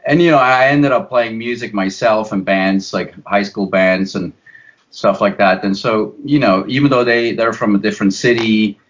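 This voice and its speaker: A man's voice: fairly low pitch, fairly even intonation, moderate pace, highs cut off. A man from Switzerland in his fifties, a guest telling his story in a rambling way with frequent restarts. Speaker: guest, graphic designer. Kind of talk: casual interview.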